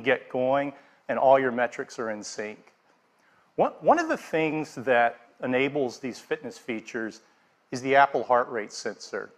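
Man, middle-aged, keynote presenter, steady scripted delivery, large theater stage, headset mic. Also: medium pitch. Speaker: product presenter.

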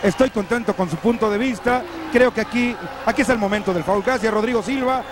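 A man's voice: high-pitched, brisk. A Mexican man giving playful, exclamatory wrestling play-by-play, repeating his phrases. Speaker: wrestling commentator. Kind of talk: excited play-by-play commentary. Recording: noisy old TV tape from arena.

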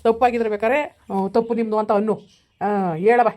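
A woman's voice: fairly high pitch, steady tone, fast, mellow, lightly acted. A woman playing a blunt older village woman who scolds, in a village family drama. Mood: scolding.

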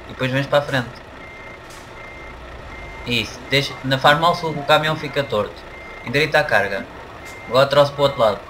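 A man's voice: mid-range voice, brisk, long pauses, sharp tone. A man with a European Portuguese accent, casually commentating a truck driving game for viewers. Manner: chatty, addresses viewers directly. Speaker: gaming channel host. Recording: noisy game audio behind voice.

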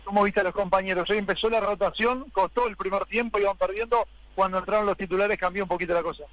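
A man's voice: sits high, steady tone, fast talker, fairly bright tone, dry recording, low-quality recording. A Uruguayan man working as a radio reporter, doing live post-match interviews.

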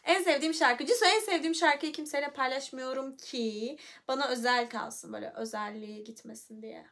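A woman's voice: high voice, fairly quick, fairly bright tone. A young woman hosting a casual livestream, chatting playfully with viewers and reading the chat aloud into her phone. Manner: playful, chatty, hums and sings nonsense syllables.

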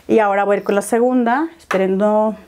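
A woman's voice: medium pitch, a little mellow. Chatty woman doing makeup. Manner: chatty, explains each step to viewers. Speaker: beauty vlogger. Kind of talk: makeup tutorial chat.

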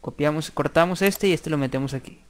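A man giving a screen-recorded programming tutorial, thinking aloud and dictating code slowly as he types. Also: fairly high pitch, slight background noise.

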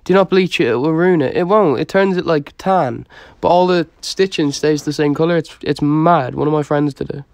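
A young adult from Dublin, Ireland, talks at normal speed with a fairly high, fry-tinged voice and barely pauses while casually answering livestream comments in slang. The phone sits close to his face, yet the recording is dry and studio quality.

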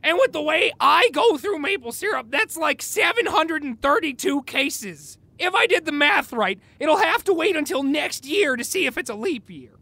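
An actor playing a bratty, loud, syrup-obsessed young man in a comedy radio play, whiny and boastful. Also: very high-pitched, sing-song, moderate pace, vocal fry, few pauses, full character voice. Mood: frantic.

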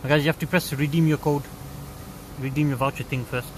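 A man's voice: fairly high pitch, steady tone, brisk. A young man, vlogging in casual, slangy banter from inside a car at a drive-thru car wash, filmed on a phone. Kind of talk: casual chat. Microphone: phone camera. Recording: noisy car wash background. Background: car wash noise.

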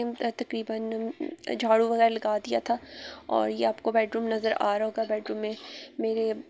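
A woman's voice: fairly high pitch, gravelly, darkish tone, a little hiss or hum. A woman from Pakistan, a family vlogger, chatting loosely through a voice-over about work on her home, with many fillers. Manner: chatty, rambling, many fillers, pleads with viewers. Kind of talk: casual voice-over vlog narration. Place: small home with worn walls, under renovation.

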